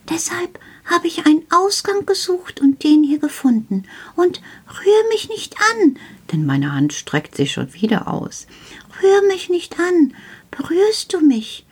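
A woman voicing a tiny, cheeky magical sprite boy in a children's storybook, breathy and half-whispered, eager and chirpy. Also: very high voice, darkish tone, pitched above the performer's own voice, full character voice.

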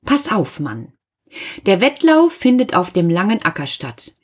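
A woman voicing a brisk, clever hedgehog wife. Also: mid-range voice, big pitch swings, husky. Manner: brisk and no-nonsense.

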